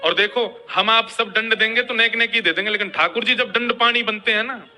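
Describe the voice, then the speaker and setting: Male devotional storyteller, dramatic sermon, crisp bright tone. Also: sits high, a little fast. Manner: dramatic, chants verses.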